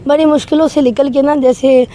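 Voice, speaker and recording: High, mellow-voiced shaken woman. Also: steady tone. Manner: emotional, earnest storytelling. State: trembling voice, shaken. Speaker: interviewee. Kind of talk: recounting a personal experience in an interview.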